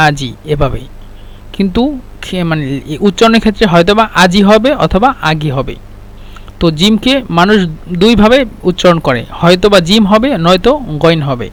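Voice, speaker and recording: A man's voice: sits high, a bit bright. A man with a Bangladeshi accent teaches an Arabic vocabulary lesson, repeating each word and then explaining it.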